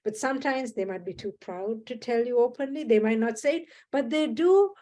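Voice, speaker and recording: A woman from Sri Lanka with a fairly high, warm voice speaks as a guest in a reflective podcast conversation. She's earnest and measured, repeatedly restarting what she's saying.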